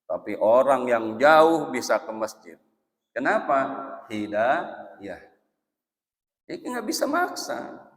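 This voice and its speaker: A male preacher giving a dawn sermon, swinging between loud emphasis and soft asides and chanting verses slowly. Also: medium pitch, big pitch swings. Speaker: ustadz preacher. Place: mosque hall. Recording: echoey mosque hall, long reverb.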